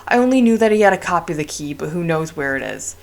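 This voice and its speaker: A woman reading aloud the lines of a talkative male village priest from a game, in a measured way. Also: on the low side, animated, vocal fry. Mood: calm.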